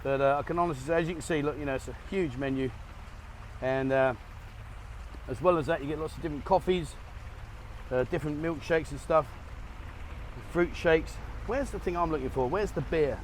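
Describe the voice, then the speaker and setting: A middle-aged man talks to his handheld camera at a cafe, rambling cheerfully and laughing at his own slips. His voice sits a touch high for a man. Faint street noise hums behind him. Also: a little fast, long pauses. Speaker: travel vlogger. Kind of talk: casual vlog chat to camera. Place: cafe in Thailand, partly outdoors.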